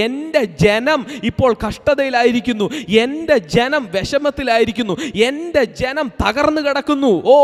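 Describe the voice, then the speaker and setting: A man delivers a fervent sermon in a strikingly high voice. He keeps circling back to his points, punctuating them with amen and hallelujah, and sometimes slips into speaking in tongues. His voice carries a long reverb, as if filling a large hall. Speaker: apostle preaching. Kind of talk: Pentecostal sermon.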